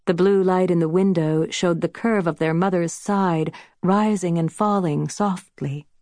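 A woman narrating a children's audiobook with an unhurried, gentle reading. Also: on the low side, fairly even intonation, no echo, clean studio sound. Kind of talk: scripted narration.

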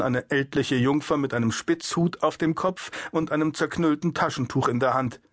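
A man narrating an abridged audiobook in an even, measured storytelling manner. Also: medium pitch, no echo, studio quality.

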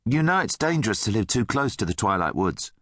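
A man's voice: on the low side, sing-song, fairly quick, fairly bright tone, dry recording, clean studio sound. A man voicing a timid young male lamplighter who speaks in a mild, earnest way.

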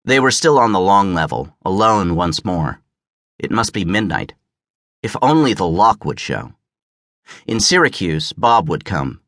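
A man narrating an audiobook as scripted narration, measured and even, on a close studio mic. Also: sits low, no echo.

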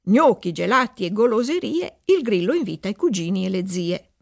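A woman's voice: mid-range voice, big pitch swings, moderate pace, gravelly. A woman voicing an obedient young lady-in-waiting who recites a silly poem in a sing-song rhythm. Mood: reciting.

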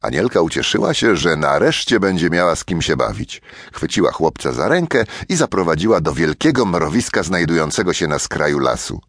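A man's voice: low voice, very animated, a little fast, few pauses, fairly bright tone, dry recording, studio quality. A man narrating a children's audiobook as a storyteller who talks straight to his young listeners.

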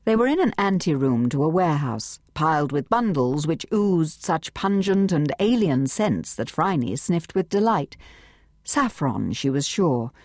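Low expressive lady reading an audiobook, dry studio sound. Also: no room sound. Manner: measured, expressive storytelling. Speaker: audiobook narrator. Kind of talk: scripted narration. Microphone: close studio mic.

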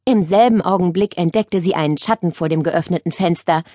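A woman narrating a children's audiobook with expressive storytelling. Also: on the low side, fairly quick, heavy background noise.

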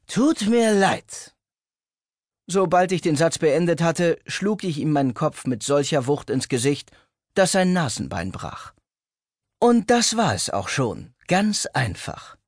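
A man reading a novel aloud as an audiobook narrator, in an expressive, first-person style. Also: on the high side, no room sound, clean studio sound.

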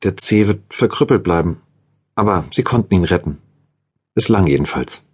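A man's voice: low-pitched, expressive, normal speed, breathy edge, voice pushed up. A man voicing a weak, injured young woman. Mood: pained, weary. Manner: weak, strained and tender.

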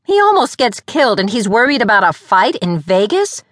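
Lexi, a woman voicing a lively caring young woman. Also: fairly high pitch, normal speed, no echo, studio quality, pitched above the performer's own voice.

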